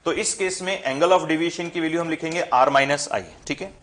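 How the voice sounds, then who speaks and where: A man's voice: on the high side, normal speed, fairly bright tone. A young man teaching a physics lesson, posing questions to the class and answering them himself. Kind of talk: classroom lesson explaining at a board.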